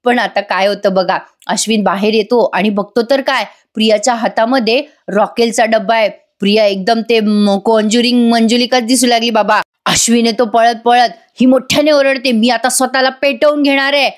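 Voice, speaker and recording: Casting: chatty woman reviewer, somewhat high voice, talks straight to viewers. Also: fairly even intonation, moderate pace, few pauses. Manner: chatty, addresses viewers directly, amused. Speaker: TV serial reviewer. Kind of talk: casual voice-over episode review.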